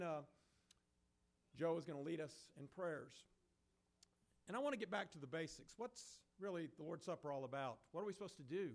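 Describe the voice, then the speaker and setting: A man with a hoarse, failing voice gives an unhurried, conversational talk before communion, with a few fillers along the way. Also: a little high. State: hoarse, losing his voice. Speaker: preacher leading communion. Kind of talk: sermon.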